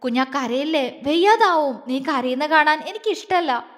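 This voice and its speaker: A woman's voice: high voice, animated, measured pace, fairly bright tone, long reverb tail. A woman voicing a tender, anxious husband who is fifteen years older than his wife, in a read-aloud romance story. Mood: soothing. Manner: pleading, emotional questions.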